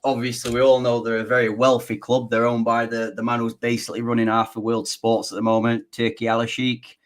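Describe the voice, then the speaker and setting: A man's voice: mid-range voice, completely flat delivery, brisk. A man with a northern English accent co-hosting a football podcast, chatty and confident in his opinions. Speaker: podcast co-host. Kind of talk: casual football podcast chat.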